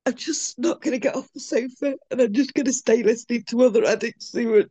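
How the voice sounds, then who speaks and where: A woman with a high voice, crying through a raw, rambling share over a video call. Her voice is dry and close, with no room around it. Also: fairly quick, dark tone, husky, no room sound. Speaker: member sharing at a recovery meeting. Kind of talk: emotional personal share.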